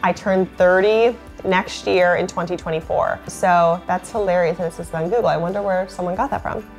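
A woman's voice: on the low side, fairly even intonation, moderate pace, soft background music. A woman in her late twenties chatting casually to camera, bubbly and talkative, filling her sentences with "like". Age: late 20s. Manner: chatty, lots of "like" fillers, bubbly.

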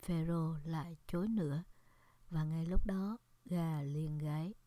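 Woman, measured Scripture reader; low, warm, dry. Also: dry recording. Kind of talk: liturgical Scripture reading.

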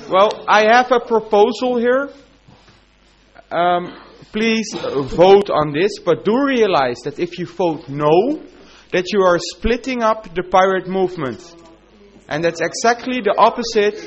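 A man's voice: high-pitched, lively intonation, unhurried. A man speaking persuasively at a conference, announcing news and appealing to the room. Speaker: conference delegate. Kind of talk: conference speech. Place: conference hall. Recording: dull conference-room recording.

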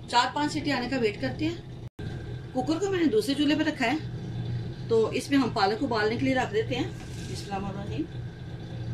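A woman hosting a cooking channel, calmly giving step-by-step recipe instructions in a home kitchen and often adding short blessings. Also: sits high, noisy background. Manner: calm, steady instructions with frequent religious blessings.

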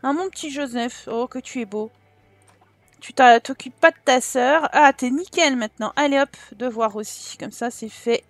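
A woman's voice: high voice, moderate pace, hardly any pauses, no room sound. A young French woman commenting casually and playfully on her life-sim game, chatting to her characters as she plays. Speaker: Sims gameplay YouTuber. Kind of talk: casual let's-play commentary.

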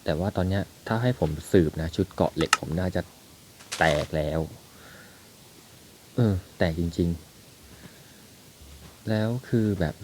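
A young man chatting casually as he plays a video game, thinking aloud and talking to his viewers. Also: low-pitched. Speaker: gaming YouTuber. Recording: loud background noise.

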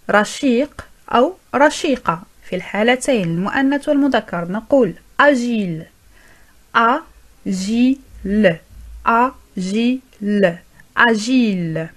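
Slow-spoken woman teaching French. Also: a little high. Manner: slow, drawn-out word repetition. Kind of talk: language lesson.

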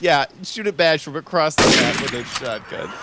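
A man's voice: on the high side, expressive, moderate pace. A man in a multiplayer game chat, apologizing and laughing with friends. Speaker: gamer. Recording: noisy game audio with gunfire.

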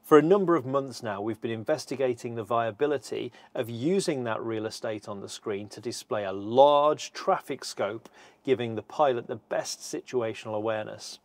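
Seated in an aircraft cockpit, a middle-aged company presenter gives a scripted, measured walkthrough of a cockpit system, speaking precisely. His voice is medium-pitched, with no echo.

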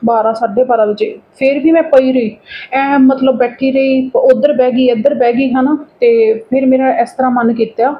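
Woman, Punjabi accent, casual vlog chat, high-pitched, lo-fi phone sound. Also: steady tone, moderate pace. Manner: chatty, often adds tag questions. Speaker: vlogger. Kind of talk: casual daily-routine vlog talk. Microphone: phone camera.

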